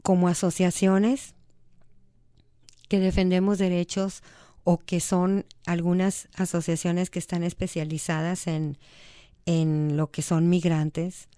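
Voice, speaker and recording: A woman's voice: fairly low pitch, level tone, takes it slowly, mellow, clean tone, dry recording, clean studio sound. A woman with a Mexican accent, a human rights advocate speaking earnestly as a guest on a radio talk show. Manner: earnest, conversational, acts out quoted dialogue. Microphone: studio microphone.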